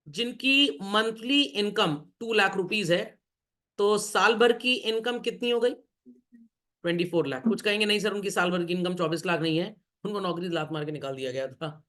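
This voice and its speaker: A man's voice: high-pitched, bright, forceful tone. A man teaching statistics to a class, quizzing students, mixing in English phrases and joking asides. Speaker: commerce teacher. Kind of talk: classroom lecture.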